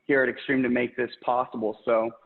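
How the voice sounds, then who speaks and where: Speaking a little fast in a creaky, medium-pitched, level voice, a regional sales director from Puerto Rico in his thirties is interviewed by video call from his home office. He's upbeat and enthusiastic about his career, with plenty of fillers, and the audio sounds tinny and echoey.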